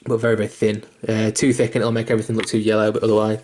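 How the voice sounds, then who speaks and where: Very fast and completely flat, a young man's lowish, darkish voice carries a casual miniature painting tutorial over slight background noise. He rambles a little with fillers, restarts and the odd swear, mildly self-deprecating and sweary, and he's hiccuping.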